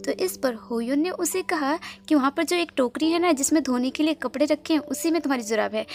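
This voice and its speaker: A woman's voice: high-pitched, creaky, a little mellow. A woman retelling a drama episode scene by scene in a casual spoken recap, linking events one after another and adding short explaining asides.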